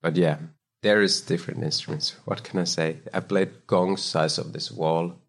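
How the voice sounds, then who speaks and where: A Finnish man, a founder and composer, telling his story in a thoughtful, measured way in a relaxed interview. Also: deep voice, creaky. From Finland. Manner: thoughtful, measured, loose phrasing. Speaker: guest, startup founder and composer. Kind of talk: casual interview chat.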